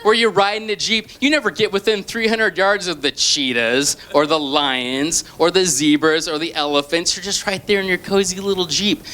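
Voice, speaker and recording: Middle-aged man doing stand-up, slightly high. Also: moderate pace, hardly any pauses. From Portland, Oregon. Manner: storytelling with punchy deadpan asides. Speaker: stand-up comedian. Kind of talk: stand-up comedy set. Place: comedy club stage. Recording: noisy live club recording. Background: audience laughter.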